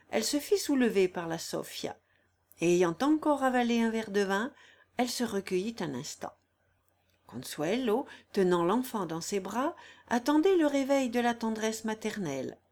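A woman narrating a classic novel aloud in a measured, expressive storytelling manner. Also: on the high side.

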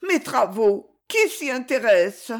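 A woman's voice: a little high, sing-song, slow, pitched above the performer's own voice, exaggerated voice. A woman reading a storybook voices a sad, melancholy young woman in a wistful, downcast tone.

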